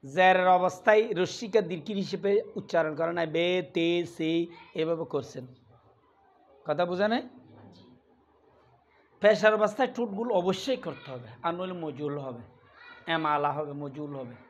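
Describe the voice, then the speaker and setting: A man's voice: on the high side, normal speed, long pauses. A male Quran recitation teacher leading a class lesson, repeating drills and asking questions he answers himself. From Bangladesh. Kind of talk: classroom lesson with call and response. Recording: dull lo-fi sound with faint noise.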